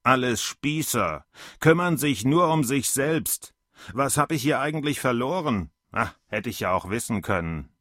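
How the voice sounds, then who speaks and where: A man voicing a drunk, belligerent old man who rants loudly and indignantly. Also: mid-range voice, lively intonation, unhurried, dry recording, clean studio sound, voice pushed up. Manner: loud, indignant ranting.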